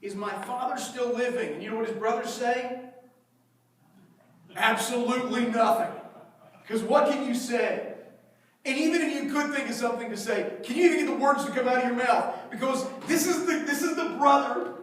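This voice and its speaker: A high-pitched male pastor preaches in a big, echoing church sanctuary, heard from some distance away. He tells the story with animated energy and slips into the voices of its characters as he goes. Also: normal speed, a little hiss or hum. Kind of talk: sermon.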